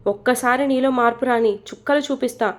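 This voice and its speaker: A woman's voice: high-pitched, fairly even intonation, quick pace, close to an everyday voice. A woman voicing an emotional, stubborn young wife in a storybook reading, pleading and tearful. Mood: defiant.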